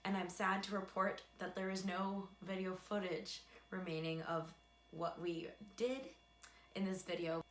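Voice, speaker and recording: A woman's voice: fairly low pitch, steady tone, a little slow, fairly bright tone. A young adult American woman telling a casual personal story in a chatty, self-deprecating way with dry asides. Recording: echoey room with faint background hum.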